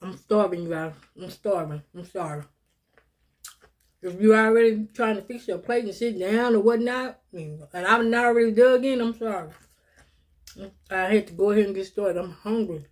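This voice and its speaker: Eating on camera for her mukbang vlog, a woman in her 50s talks to her audience at a normal speed in a medium-pitched voice. Her tone is casual, and she addresses viewers as "y'all" and "little sis."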